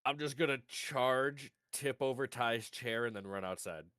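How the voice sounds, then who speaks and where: A man's voice: mid-range voice, moderate pace, fairly bright tone, clear, resonant tone, no room sound, studio quality. A man playing in a tabletop game, playful and mischievous as he talks. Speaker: player. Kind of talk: tabletop role-play chat.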